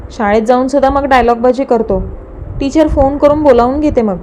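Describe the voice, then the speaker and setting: A woman's voice: high-pitched, a little fast, a little mellow, slight background noise, close to an everyday voice. A woman voicing a strict young mother who firmly scolds her son. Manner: firm, scolding.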